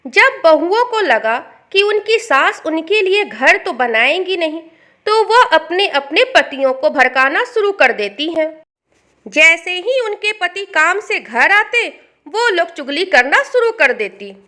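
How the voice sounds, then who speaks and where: A woman narrates a scripted family story in an animated video with a sympathetic tone. Her voice is very high and bright, and she reads slowly.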